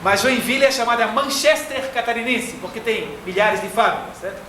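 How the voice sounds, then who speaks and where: A man from Florianópolis with a Brazilian Portuguese accent, giving a slow, didactic spiritist lecture. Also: very high-pitched, bright, forceful tone. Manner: didactic, slow and deliberate, fond of diminutives. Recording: echoey hall from far off, faint noise.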